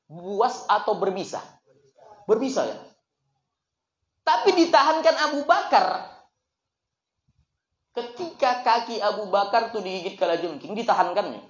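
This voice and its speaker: Young male preacher, casual and joking, asks the crowd questions; roomy, dull lo-fi recording. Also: high-pitched. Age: 20s. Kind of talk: casual religious talk to young people. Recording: echoey room, dull lo-fi sound.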